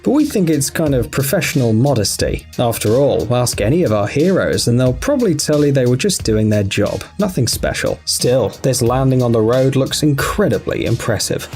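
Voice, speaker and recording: A male narrator delivers a scripted voice-over with humorous asides. His pitch is middling but swings widely and animatedly, and music plays behind him. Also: expressive, normal speed, hardly any pauses, a little mellow. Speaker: video narrator.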